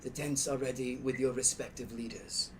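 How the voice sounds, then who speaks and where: A man's voice: mid-range voice, fairly even intonation, moderate pace, a bit bright, close to an everyday voice. Guy doing a polite servant for a tabletop rpg, formal announcing, slight background noise. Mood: courteous. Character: polite male servant announcing evening hospitality.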